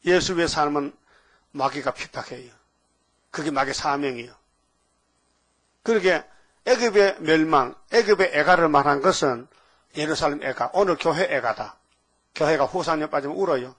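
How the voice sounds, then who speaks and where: Older male preacher with sudden loud rises. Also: fairly high pitch, moderate pace, pauses often. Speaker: pastor. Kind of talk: sermon.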